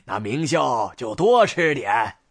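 A woman's voice: deep voice, sing-song, drawn-out words, slightly rough, no echo, clean studio sound, pitched below the performer's own voice, exaggerated voice. A woman voicing a kind, doting old grandfather in a storybook reading. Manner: warm, teasing, modest.

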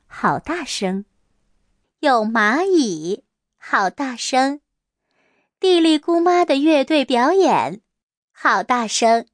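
A woman reading a children's picture book aloud in a slow, sing-song way, repeating a refrain. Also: high-pitched, no room sound, studio quality. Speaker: storybook reader.

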